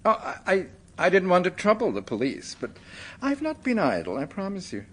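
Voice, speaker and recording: Here an actor takes on a full character voice as a guarded, evasive American manuscript collector in a radio drama, easily flustered, polite yet defensive, sometimes stammering. His male voice sits high with huge pitch swings, a fairly bright but husky tone, and a normal speed.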